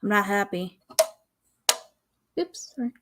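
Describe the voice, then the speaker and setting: A young woman from the American South hosting her own podcast in a casual, rambling way, pausing often and sighing. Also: medium pitch, lively intonation, noisy background. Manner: rambling, pauses often, sighs. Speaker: podcast host. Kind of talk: casual solo podcast talk.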